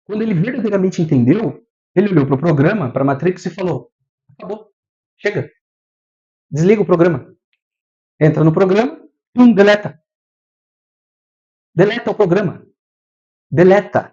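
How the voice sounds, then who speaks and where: Brazilian man, spiritual lecture, animated, fairly high voice, dull lo-fi recording. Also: moderate pace, long pauses. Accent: Brazilian Portuguese. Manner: animated, acts out scenes with sound effects.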